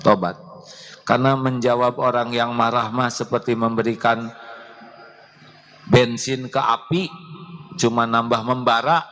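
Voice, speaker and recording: A man's voice: medium pitch, steady tone, unhurried, long pauses, fairly bright tone. A man preaching a sermon to a live audience, playfully quizzing them.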